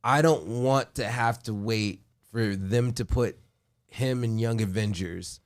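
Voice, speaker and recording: A man hosting a podcast, chatting casually and excitedly in quick bursts with restarts. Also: on the low side. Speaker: podcast host. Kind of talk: casual chat.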